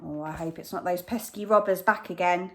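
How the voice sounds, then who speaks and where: A primary school teacher with a lowish, brisk voice reads a picture book aloud to young children. She's animated, gasping and asking the kids questions as she goes.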